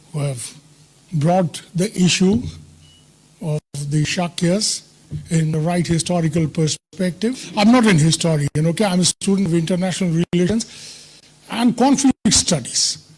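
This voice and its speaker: In a conference hall, an older Indian man with an Indian English accent delivers an emphatic, self-assured speech with chatty asides. His voice is fairly high, a little mellow and husky, slightly hindered by a tooth infection, and the recording quality is low.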